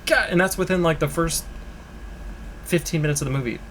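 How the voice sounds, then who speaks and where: A man's voice: on the high side, a little fast, a little hiss or hum. A man co-hosting a podcast in casual chat, enthusiastic, swearing and laughing often. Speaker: podcast co-host.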